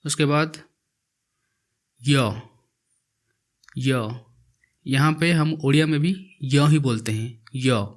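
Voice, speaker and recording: A man teaching an alphabet lesson, saying each letter twice and explaining how to write it. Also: fairly high pitch. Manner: repeats each letter slowly while writing it. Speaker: language teacher. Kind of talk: slow alphabet lesson with repetition.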